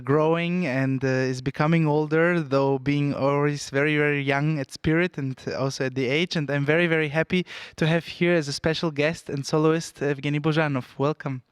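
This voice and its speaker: A man hosting an interview for an orchestra, with a smooth, resonant voice pitched a little high. He talks haltingly with lots of ums and restarts. The sound is dry and close. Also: no room sound. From Bulgaria. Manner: hesitant, many fillers and restarts. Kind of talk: conversational interview.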